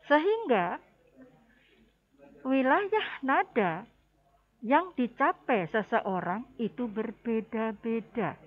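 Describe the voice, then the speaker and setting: In a recorded lesson, a female music teacher patiently explains things to her pupils, warmly speaking to them as a class. Her voice sits on the high side with lively intonation, and she talks slowly with frequent pauses. The audio sounds dull.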